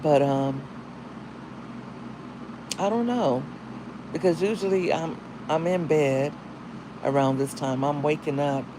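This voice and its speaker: A single mom who creates content speaks slowly to her livestream viewers, pausing often. Her morning voice is deep and husky, and she keeps it casual with chatty, slangy asides. The phone recording picks up a noisy background.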